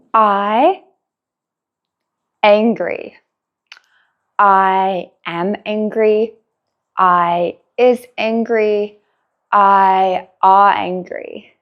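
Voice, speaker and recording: A woman teacher leads a beginner English lesson. She speaks at an extremely slow pace and pauses between every word. The sound is a little dull and lo-fi. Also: mid-range voice. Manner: slow, clear, deliberate drilling with long pauses.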